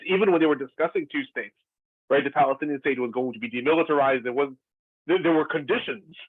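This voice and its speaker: A husky, mid-range voice belongs to a former lecturer from Israel, talking at length and thoughtfully on a video call with plenty of fillers and restarts. It's an earnest discussion, captured in tinny, dry audio with no echo.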